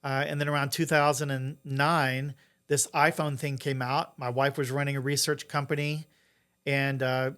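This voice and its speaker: A man's voice: medium pitch, a bit bright. Middle-aged man talking in an interview. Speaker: interview guest, entrepreneur and investor. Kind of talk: conversational interview, explaining.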